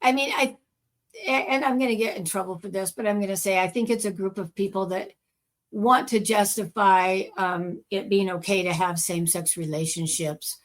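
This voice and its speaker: A woman's voice: medium pitch, steady tone, normal speed. A woman co-hosting a podcast, casually and emphatically talking through her views on a scripture reading. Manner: opinionated, emphatic, talks through her reasoning. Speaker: podcast co-host.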